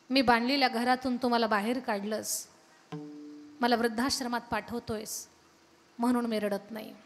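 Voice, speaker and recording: A woman voicing a heartbroken old father who regrets his past, in a lowered, subdued, tearful tone. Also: lightly acted. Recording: long hall reverb from a PA.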